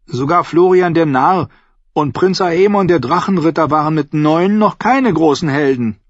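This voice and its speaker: A man's voice: a little high, moderate pace, no room sound, voice pushed up, natural voice. Man doing a whiny boy of nine. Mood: pleading. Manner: pleading, raised boyish voice. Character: whiny nine-year-old noble boy, eager and impatient. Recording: slightly dull dry recording.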